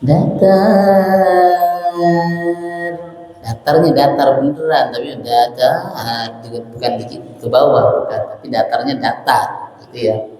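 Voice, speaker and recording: A man teaching a class on melodic Quran recitation, explaining plainly, then singing drawn-out phrases for the class to repeat. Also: mid-range voice, fairly even intonation, darkish tone. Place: mosque prayer hall. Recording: echoey hall, faint music.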